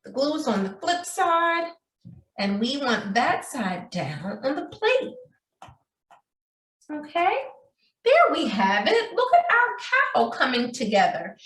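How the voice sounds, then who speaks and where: Slow, with long pauses, this preschool teacher's high-pitched, very animated, fairly bright voice guides young children through a craft. She uses a sing-song delivery, treats the kids as friends and asks frequent check-in questions, captured by a distant mic amid roomy echo.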